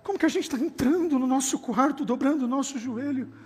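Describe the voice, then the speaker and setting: A man preaching a sermon as pastor, passionate, moving from hushed talk to shouting. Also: very high voice, brisk. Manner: impassioned preaching, swinging from quiet to shouting. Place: large church hall. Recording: long hall reverb with faint music.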